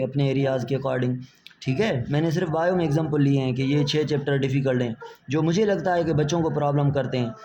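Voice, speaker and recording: A man's voice: a little high, darkish tone, a little hiss or hum. A man, a biology teacher giving friendly, reassuring exam-prep advice and mixing in English words.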